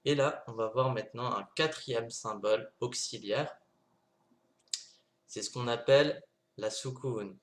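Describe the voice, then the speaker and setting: A man's voice: medium pitch, a little slow. A man giving an online lesson on Arabic letters, talking patiently and repeating his points, sounding out clipped consonants again and again. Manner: patient, repeats points with many "donc" and "d'accord". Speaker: Arabic teacher.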